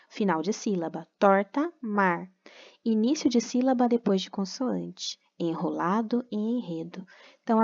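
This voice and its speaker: A woman's voice: medium pitch, vocal fry, a little mellow, muffled recording. A woman from Brazil teaching a remote class, patiently explaining step by step and checking in with tag questions.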